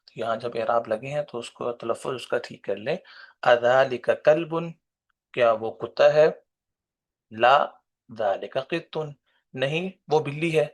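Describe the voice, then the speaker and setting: A man teaching a recorded Arabic lesson, reading each word slowly and carefully and then explaining it in another language, patient and step by step. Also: medium pitch. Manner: reads Arabic words slowly, then explains them in Urdu.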